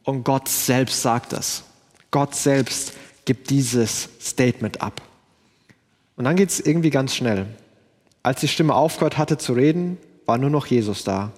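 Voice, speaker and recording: A man preaching a sermon, slowing down to quote scripture and rising into rhetorical questions. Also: mid-range voice, a little mellow, long reverb tail.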